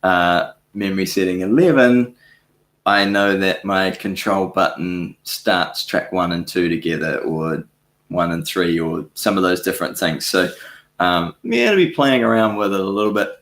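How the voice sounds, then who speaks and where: A man's voice: low voice, moderate pace, fairly bright tone, reverberant. A man hosting a casual live question-and-answer stream, rambling and correcting himself, with frequent chuckles. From New Zealand. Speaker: livestream host answering viewer questions. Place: home studio.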